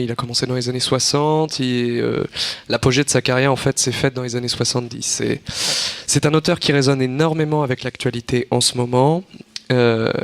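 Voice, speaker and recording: A man's voice: medium pitch, gravelly. A man from a theatre company, speaking as a guest on a studio talk show, hesitant with many fillers.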